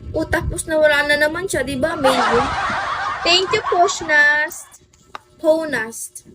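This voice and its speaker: A woman's voice: high-pitched, slow pace, over music. A woman from the Philippines with a Filipino accent, chatting on a livestream and greeting viewers by name. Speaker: livestream host. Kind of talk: casual livestream chat.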